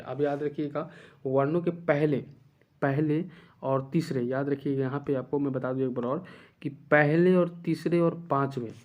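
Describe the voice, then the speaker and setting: A man's voice: on the high side, muffled recording. A man teaching an online grammar lesson for exam preparation. He repeats each point and asks rhetorical questions to drill it in.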